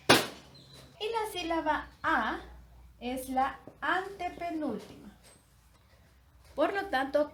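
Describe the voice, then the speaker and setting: A woman teacher giving a recorded grammar lesson for young pupils, explaining slowly and clearly, breaking words into syllables. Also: sits high, slight background noise.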